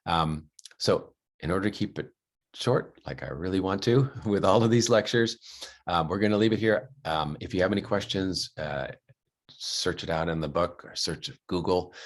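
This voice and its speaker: A male psychology lecturer giving an unscripted video lecture, halting with many ums and restarts, his voice dropping quietly at the ends of phrases. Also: low-pitched.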